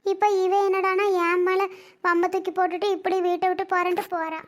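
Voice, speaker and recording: A woman's voice: very high-pitched, level tone, fairly quick. A woman playing a tearful, hurt sister-in-law in a family drama skit, pleading and asking the same questions over and over. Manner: pleading, repetitive complaining questions.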